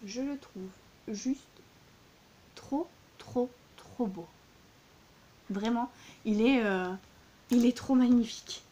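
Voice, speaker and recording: Woman book vlogger, casual and gushing, many fillers, a bit high-pitched, light hiss on the track. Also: slow, pauses often, warm tone, muffled recording. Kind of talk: casual book haul vlog.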